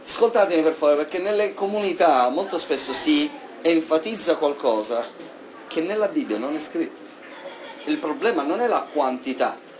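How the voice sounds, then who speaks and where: Male preacher, sermon, animated and emphatic, somewhat high voice, faint background noise. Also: moderate pace. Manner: animated, swings between loud emphasis and soft asides.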